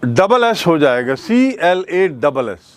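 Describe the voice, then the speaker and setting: Slow, patient male teacher. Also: on the high side, big pitch swings. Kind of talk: classroom grammar lesson.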